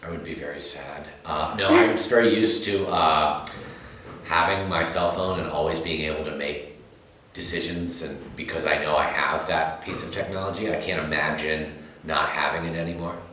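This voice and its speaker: A man in his forties, a school principal, answering interview questions in an earnest, soft-spoken way. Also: a bass voice, steady tone, normal speed. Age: 40s. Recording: very echoey room, distant mic, faint hiss.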